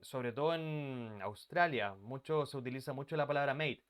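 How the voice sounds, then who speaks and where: Through a computer mic on a video call, a man runs a live online English lesson from a bedroom used as an office. His voice is medium-pitched and fairly bright, at normal speed. He chats in a relaxed way and addresses students by name.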